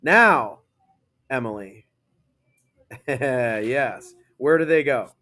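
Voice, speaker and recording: Male classroom teacher, mid-pitched, leads a grammar lesson, reads aloud slowly, checks in with students. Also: pushed and bright.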